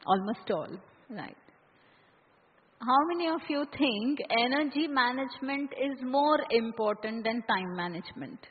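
Female workshop trainer, Indian accent, higher-pitched husky voice, engages the group with frequent questions. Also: animated, unhurried. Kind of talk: interactive seminar teaching. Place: large echoey indoor room. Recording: reverberant hall, muffled phone-like sound.

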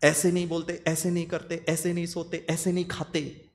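A man quoting a stern mother who rapidly scolds her child. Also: fairly high pitch, monotone, lightly acted. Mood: scolding.

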